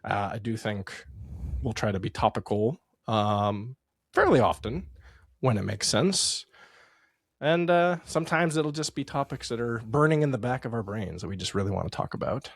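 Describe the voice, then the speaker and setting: Recording from home in the San Francisco Bay Area, this American podcast co-host rambles casually, keeps correcting himself and chuckles a lot. His medium-pitched voice has lively intonation, a moderate pace, vocal fry and a breathy edge, captured dry at studio quality.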